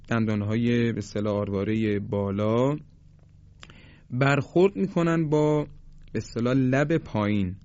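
A man's voice: medium pitch, a little mellow, no room sound. Guy teaching tajweed, formal and polite, stretches out the letter sounds, dull dry lo-fi audio. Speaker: Quran recitation teacher. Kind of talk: recorded lesson on Quranic tajweed pronunciation.

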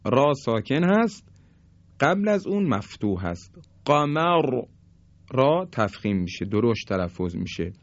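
A man giving a recorded lesson on Quran recitation to listeners, explaining rules and slowly drawing out example words. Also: on the low side, very animated, no room sound. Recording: dull lo-fi recording.

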